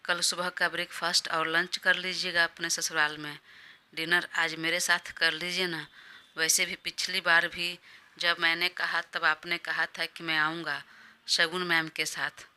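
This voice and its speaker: A woman's voice: on the low side, level tone, unhurried, bright, forceful tone, clear, resonant tone. A woman voicing a scheming young employee who pleads and coaxes her boss. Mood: coaxing. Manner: pleading, coaxing.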